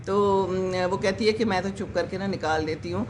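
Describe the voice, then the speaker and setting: An older woman in her sixties chats to her live viewers in a loose, rambling way, padding her talk with fillers. Her pitch sits in the middle for a woman, and a faint hum of room ambience runs beneath her voice. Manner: chatty and rambling, with many fillers. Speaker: vlogger. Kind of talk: casual chat to live viewers.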